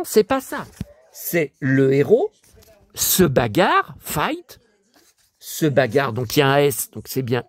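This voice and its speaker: Older man, from France, vlogger, musing aloud, slightly high voice, slow delivery. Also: husky, no echo. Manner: chatty, musing aloud, reading English words in a French way. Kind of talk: casual chat while leafing through a book.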